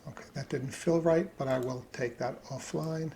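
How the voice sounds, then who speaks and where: This hobbyist's mid-range voice moves at a moderate pace as he narrates an informal tutorial, reasoning aloud at his computer. There is steady background noise along with keyboard clicking.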